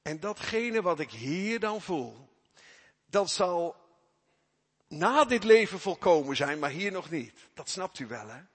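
Male preacher, sermon delivery, higher voice with a husky edge, swells from hushed to fervent. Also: big pitch swings, takes it slowly. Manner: swells from quiet to loud, fervent emphasis. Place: church. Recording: long church reverb.

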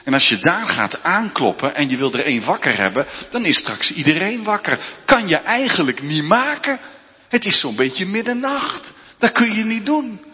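Animated man preaching in a hall. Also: sits high, normal speed. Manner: animated storytelling, addresses the congregation. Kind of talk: sermon.

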